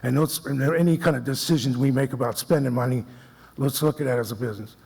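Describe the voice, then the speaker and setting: Gravelly husky guy at a council mic, earnest, keeps restarting, echoey chamber. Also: medium pitch, fast talker, a little mellow. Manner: earnest, repetitive, restarts often. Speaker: citizen speaker at city council forum. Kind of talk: public comment speech.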